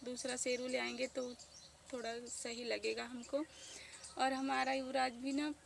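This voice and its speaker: A woman in her thirties speaking softly with grief as she tells a casual village vlog story outdoors. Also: high voice, level tone, measured pace, creaky. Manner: grieving, soft-spoken. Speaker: village vlogger. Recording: noisy outdoor village ambience.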